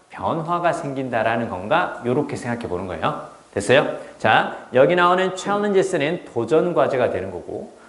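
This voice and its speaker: A man's voice: on the high side, a bit bright. A man teaching a test prep English class, explaining step by step and asking rhetorical check questions. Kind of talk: classroom lecture. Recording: roomy classroom echo.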